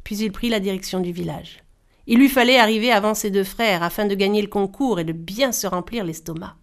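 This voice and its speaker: A woman storyteller reading a folktale aloud in a measured, expressive style. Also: mid-range voice. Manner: measured, animated voices for characters.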